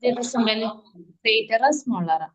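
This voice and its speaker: A woman's voice: on the high side, normal speed. A woman sitting with a child during an online class, prompting and urging the child to answer aloud.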